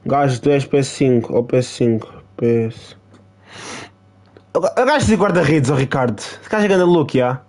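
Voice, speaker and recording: A young man with a European Portuguese accent, live-streaming a football game in excitable, trash-talking casual chatter that repeats itself. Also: mid-range voice, normal speed. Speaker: gaming streamer.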